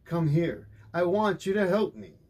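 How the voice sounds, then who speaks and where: A man voicing a busy father calling loudly and insistently for his son in a read-aloud bedtime story. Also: high-pitched, very animated, a little slow, slightly rough, pitched above the performer's own voice, exaggerated voice.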